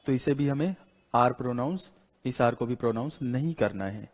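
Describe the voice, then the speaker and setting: A male teacher giving a classroom lecture. He explains slowly, repeats his points and keeps asking "got it?", mixing English words into Hindi. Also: mid-range voice, darkish tone. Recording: long hall reverb.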